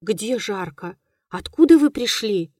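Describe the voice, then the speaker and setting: A polite young nobleman in an audiobook, earnest and quickly alarmed, as a woman reads him. Mid-pitched and dry, with no room around the voice. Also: animated, darkish tone, no echo.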